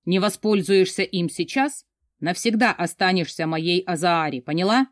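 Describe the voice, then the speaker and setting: A woman's voice: fairly low pitch, moderate pace, no echo, clean studio sound, natural voice. A woman voicing an arrogant, cold male commander who taunts and mocks. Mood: taunting. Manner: taunting, mocking.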